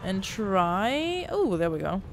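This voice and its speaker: This let's-play host talks in a sing-song, mid-range voice at a slow pace, with a noisy background and game music behind her. Playing a role-playing game, she offers casual, teasing commentary and grumbles and swears at her party.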